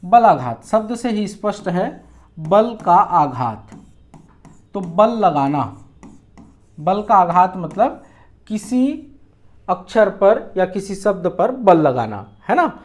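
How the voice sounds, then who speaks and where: A man's voice: sits high, sing-song, slow pace, long pauses. A man giving an exam-prep lecture as a teacher. He explains step by step, asking rhetorical questions and answering them himself.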